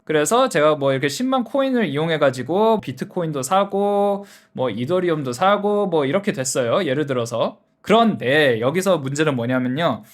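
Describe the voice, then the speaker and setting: Animated Korean man explaining things simply. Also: a little high. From South Korea. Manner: explains step by step with simple examples and rhetorical questions. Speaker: explainer video host. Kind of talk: casual explainer in simple terms.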